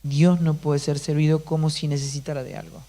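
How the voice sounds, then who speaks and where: Guy preaching a sermon, fairly high voice, keeps asking the crowd questions. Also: little pitch movement, a little fast, gravelly, dark tone. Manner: rhetorical questions to the congregation, emphatic. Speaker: pastor.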